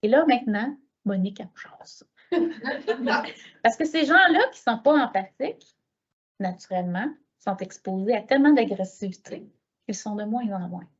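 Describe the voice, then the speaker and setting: A middle-aged woman with a Quebec French accent giving a conference talk, telling lively stories and acting out the dialogue. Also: medium pitch, normal speed, slightly rough, lo-fi sound. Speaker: lecturer.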